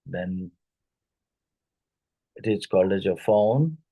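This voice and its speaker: Heard with phone-quality sound, a man speaks in a low voice with lively intonation and a slow pace. He's an Indian English-accented phonetics teacher running an exam-prep lecture through worksheets, explaining step by step and checking in with tag questions like "right?" and "isn't it?".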